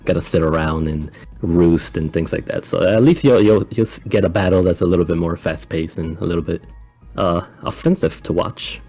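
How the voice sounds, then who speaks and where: A calm, laid-back young man from Ecuador, speaking in a low, deep voice. He chats casually as an interview guest, relaxed and never hyped. Faint music plays underneath. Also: moderate pace. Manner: calm, laid-back, soft-spoken with frequent laughs. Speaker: guest coach.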